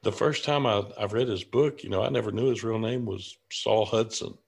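A man's voice: on the low side, moderate pace, creaky, slightly rough. A man hosting an interview show, chatting in a laid-back, enthusiastic way over a video call. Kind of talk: casual chat.

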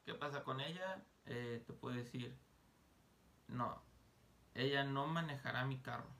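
A man gives an online English lesson, his voice slightly gravelly. He speaks casually, breaking English examples into slow, separate words. A faint hiss sits under the recording. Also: medium pitch, pushed and bright. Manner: slow, deliberate modeling of English phrases; casual, joking asides. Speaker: English teacher.

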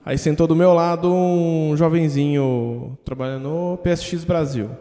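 A man's voice: fairly high pitch, steady tone, a little slow, warm tone, in a large hall. A man with a Jundiaí countryside accent, joking and self-deprecating in a casual podcast chat. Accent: Jundiaí countryside São Paulo. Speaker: podcast co-host.

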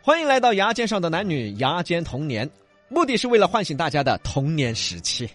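A man's voice: a little high, big pitch swings, fairly quick, music in the background. A man, around his thirties, speaking Sichuan dialect as a comedy co-host, bantering with a teasing, mock-scolding manner.

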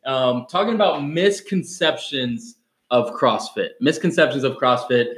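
A man's voice: medium pitch, unhurried, a bit bright. A male CrossFit coach hosting a casual podcast, upbeat and loose, with many fillers and restarts. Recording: echoey room.

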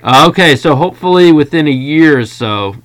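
Higher-voiced American man hosting a podcast. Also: animated, normal speed, fairly bright tone. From United States. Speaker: podcast host. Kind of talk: casual interview.

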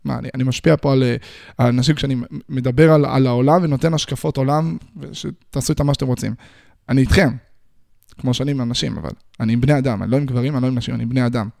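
A man's voice: mid-range voice, steady tone, creaky, darkish tone, no echo, clean studio sound. A young man talking straight to his listeners about relationships, rambling through restarts and rhetorical questions. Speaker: social commentator. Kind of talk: casual monologue on relationships.

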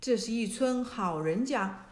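A woman's voice: on the high side, animated, unhurried. A woman voicing a brash, boastful male monkey king who barks commands. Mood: coaxing. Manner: bossy, shouting commands. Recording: echoey room.

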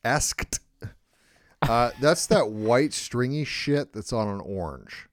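A man's voice: mid-range voice, expressive, takes it slowly, no echo. A tipsy man co-hosting a podcast, rambling and stammering in casual chat and swearing a lot. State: tipsy from whiskey. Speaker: podcast co-host.

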